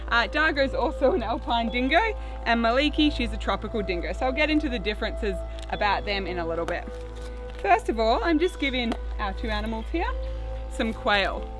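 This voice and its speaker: A woman's voice: a little high, low-quality recording. A woman with an Australian accent gives a friendly, educational zookeeper talk, explaining things simply. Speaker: zookeeper, dingo keeper presenting. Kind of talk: educational keeper talk to camera.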